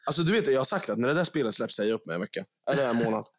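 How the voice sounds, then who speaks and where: Man från Sverige, vardagligt prat, skämtsam, medelhög röst. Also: mid-range voice. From Sweden. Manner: animated, joking, swearing storyteller. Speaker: podcast host. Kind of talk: casual chat.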